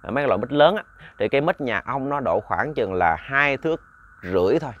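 A man's voice: medium pitch, expressive, fairly quick, lo-fi sound. A man narrating a ghost story in a chatty, casual way, often repeating words and talking to listeners like family.

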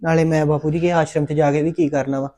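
A man's voice: a little high, flat delivery, fast, dark tone, natural voice. A man with a Punjabi accent playing a young adopted son who is ashamed and insists on leaving home. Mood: hurt pleading.

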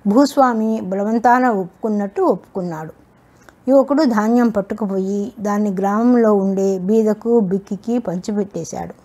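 Brief: woman storyteller, steady and measured, warm mellow tone. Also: medium pitch. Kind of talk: storybook narration.

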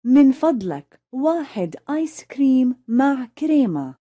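Woman, high lively voice, dark mellow tone, scripted phrase repetition. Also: unhurried. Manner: clear, careful, repeats each phrase after the man. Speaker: language lesson speaker.

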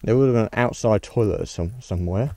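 A man from Australia with a lowish, dark-toned voice talks fast as he walks through a ruined house outdoors, with slight background noise. He's an exploration vlogger giving a casual walkthrough, curious and musing aloud about what he finds, thinking on his feet.

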